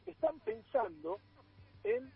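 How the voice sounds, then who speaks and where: This Argentine radio sports columnist, speaking with an Argentine Spanish accent, explains things in a panel discussion, with frequent fillers and restarts. His very high, sing-song voice carries vocal fry and a breathy edge, and he takes it slowly. The line is muffled and phone-like.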